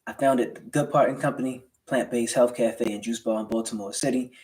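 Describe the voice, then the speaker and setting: A man's voice: medium pitch, steady tone, brisk, darkish tone, rough recording. An American man hosting a casual motivational livestream, talking colloquially to viewers with speech slightly slurred by a swollen lip. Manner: colloquial motivational delivery with rhetorical check-ins. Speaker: livestream host, entrepreneur.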